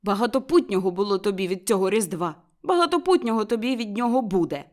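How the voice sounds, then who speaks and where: A gruff, stingy old man snaps back curt, scornful replies, as a woman reader puts him on in a storybook. His voice rises and falls in lively swings. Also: medium pitch, fast talker, natural voice. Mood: grumbling. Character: grumpy miserly old man.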